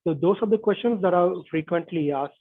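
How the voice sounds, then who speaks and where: A man speaks over a bad video-call connection that leaves his voice thin and narrow. His voice sits a little high, with a dry, close sound. He talks hesitantly as a guest, filling pauses with "like" and "uh". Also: no room sound. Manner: hesitant, many "like" and "uh" fillers. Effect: bad connection, narrow phone-like call audio. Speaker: interview guest, software tester.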